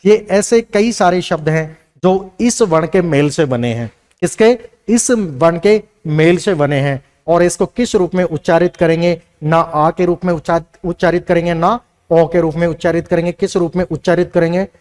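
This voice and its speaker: A man's voice: sits high, normal speed, darkish tone. A man teaching a Hindi language lesson, who asks questions and answers them himself and repeats key lines. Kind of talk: classroom lecture.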